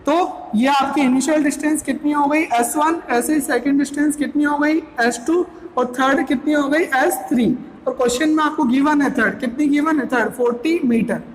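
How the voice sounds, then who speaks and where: Woman, physics teacher, high voice, self-questioning, repeats figures, faint background noise. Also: low-quality recording. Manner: keeps asking and answering her own questions; repeats each figure for emphasis. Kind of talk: step-by-step lecture.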